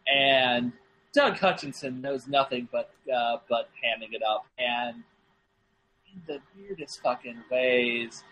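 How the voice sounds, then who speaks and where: Bright rambling podcast guy. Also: medium pitch, slow, slight background noise, rough recording. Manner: rambling, joking, many fillers and restarts. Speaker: podcast co-host. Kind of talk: casual film podcast chat.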